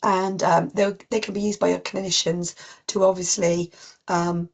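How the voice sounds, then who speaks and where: A woman with a cold, husky and coughing, giving an informal online talk to practice teams with many ums and restarts. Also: fairly low pitch, flat delivery, normal speed. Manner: rambling with frequent ums and restarts. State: coughing, voice strained. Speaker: clinical lead presenting to practice teams. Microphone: video call.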